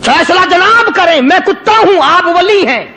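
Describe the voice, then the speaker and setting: A man's voice: very high voice, expressive, sharp tone, pitched above the performer's own voice, heavily acted. A man voicing a loyal male talking dog who lectures a holy man, pleading with oaths, inside a storytelling sermon. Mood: reproachful.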